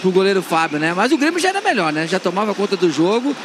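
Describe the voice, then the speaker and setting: High-pitched male football pundit. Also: sing-song. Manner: halting, keeps tagging phrases for agreement. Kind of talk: unscripted match analysis. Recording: noisy live stadium broadcast.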